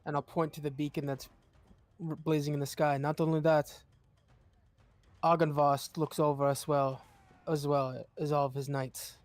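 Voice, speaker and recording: Man at a tabletop game, somewhat high voice, reassuring, thinking out loud. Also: little pitch movement, normal speed, no echo. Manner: reassuring, reasoning aloud. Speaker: player. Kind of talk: casual in-character game talk.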